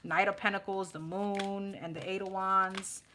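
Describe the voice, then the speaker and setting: A woman's voice: medium pitch, level tone, unhurried, pushed and bright. Sassy New York tarot reader woman. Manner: blunt, sassy, laughing and chatty. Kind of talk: live tarot reading. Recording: audible background noise with card shuffling.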